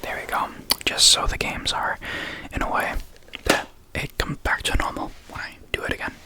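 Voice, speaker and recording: The clip features a young adult ASMR creator rambling at a moderate pace in a soft, unvoiced whisper near the mic. A lisp and occasional stutter mark the speech, and the recording is rough.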